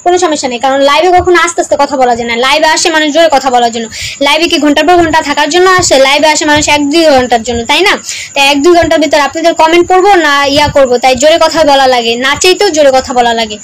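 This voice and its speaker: A young woman with a high voice talks loudly and repetitively on a livestream, reading viewers' comments and urging them over and over to share and follow. Her delivery is casual chatter, pushed to full volume. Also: fast talker, poor audio. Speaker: livestream host.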